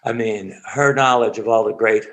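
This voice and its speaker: A man's voice: fairly low pitch, normal speed, rough recording. An older man, an acting coach, telling stories in an interview and acting out the people he describes. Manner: animated storyteller who acts out the people he describes. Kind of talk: storytelling interview.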